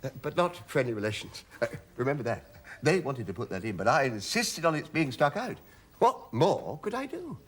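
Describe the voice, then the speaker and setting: A man's voice: medium pitch, big pitch swings, normal speed, fairly bright tone, breathy edge. A man playing a blustering old-fashioned army major. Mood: genial. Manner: genial, chuckling and blustering. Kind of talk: stage play acting.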